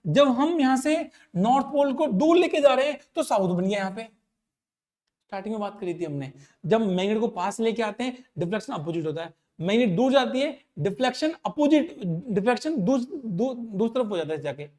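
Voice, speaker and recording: A male physics teacher giving an explanatory lecture. He repeats key points and checks understanding with quick questions. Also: very high-pitched, lively intonation, a little mellow.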